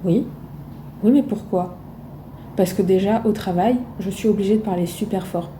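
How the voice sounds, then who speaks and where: A loud-spoken woman talking casually to her phone camera in a vlog, with emphatic rhetorical questions and frequent hesitations. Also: medium pitch, normal speed, a little hiss or hum. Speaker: vlogger.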